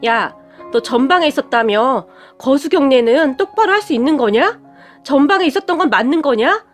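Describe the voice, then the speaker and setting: A woman's voice: sits high, expressive, normal speed, a bit bright, soft background music. A woman playing a fierce young wife who talks bluntly and mockingly. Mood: scornful taunting. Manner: scornful, taunting.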